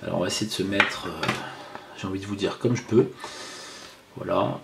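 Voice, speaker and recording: A man's voice: deep voice, gravelly, noisy background. Chatty man demoing a gadget. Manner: chatty, halting, many fillers and restarts. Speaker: product reviewer. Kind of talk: casual hands-on product demo.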